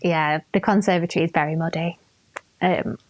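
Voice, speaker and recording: A woman's voice: lowish voice, normal speed, dry recording, lo-fi sound. Woman, young adult, from Yorkshire, podcast guest, laughs often, dry close-miked voice. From Yorkshire, England. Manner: laughs often, lively storytelling. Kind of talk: casual chat.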